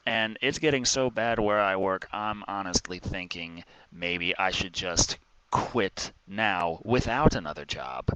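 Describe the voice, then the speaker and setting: An exhausted man rambling casually in an exasperated, complaining rant, with halting pauses. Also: low voice, heavy background noise. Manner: exhausted, weary, with heavy sighs and halting pauses. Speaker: vlogger.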